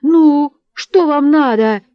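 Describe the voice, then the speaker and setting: A woman reading an audiobook voices a gruff male vagabond who talks back roughly and defiantly. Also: medium pitch, expressive, a little slow, dry recording, highs cut off, natural voice.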